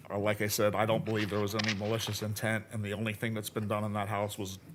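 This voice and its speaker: Even-toned man addressing a board. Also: on the low side, fast talker, background noise. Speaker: public speaker petitioning the board. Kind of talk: informal plea at a hearing. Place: public hearing room.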